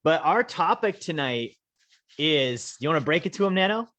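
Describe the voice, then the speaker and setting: A man from Alaska hosting a webinar, talking in a measured way, slowing down to stress key points with frequent "okay?". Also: on the high side, sing-song, a bit bright. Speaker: host, wealth coach. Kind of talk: casual webinar presentation.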